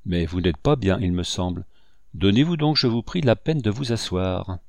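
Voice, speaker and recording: A cool, sly hunter with a silky, icy politeness, as a man reads him aloud. The voice is low, and the sound is close and dry. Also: expressive, moderate pace, creaky, a little mellow, dry recording. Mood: smooth. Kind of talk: audiobook character reading.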